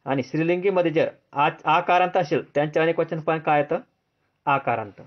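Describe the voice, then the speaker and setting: A man with a Marathi accent teaching a grammar lesson, drilling students with repeated questions and answering them himself in a lower, softer voice. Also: a little fast. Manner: answers drop low and soft. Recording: dull lo-fi sound.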